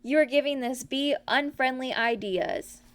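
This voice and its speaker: Little storybook piglet played by a woman: male, timid, anxious, high-pitched, worried cries. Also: measured pace. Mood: nervous. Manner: worried, crying out. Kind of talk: children's storybook character voice.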